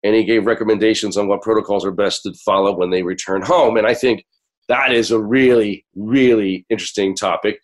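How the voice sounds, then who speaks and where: An American man hosting a radio show, sick and hoarse, his voice cracking as he talks conversationally to listeners. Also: fairly low pitch, fairly even intonation, brisk.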